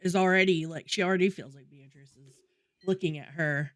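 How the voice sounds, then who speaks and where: A woman's voice: lowish voice, brisk, no echo. A woman co-hosting a podcast in casual chat, often starting with hesitant fillers before she makes her point. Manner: hesitant starts, laughs while recounting. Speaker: podcast co-host.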